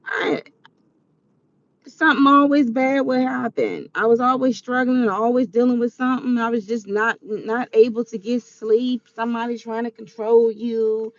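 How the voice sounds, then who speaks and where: A woman's voice: a little high, fairly even intonation, moderate pace, dry recording, lo-fi sound. A woman in her forties giving earnest, preachy advice in a casual vlog monologue. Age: 40s. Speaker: vlogger.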